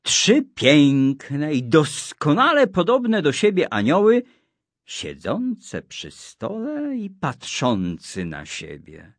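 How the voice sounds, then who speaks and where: A man telling a religious story for children in an expressive storytelling manner. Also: a little high, slow pace, no room sound.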